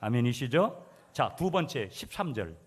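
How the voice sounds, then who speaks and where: A male pastor preaching a sermon, swinging between loud declarations and quiet asides and calling for responses from the congregation. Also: medium pitch, big pitch swings, fairly quick.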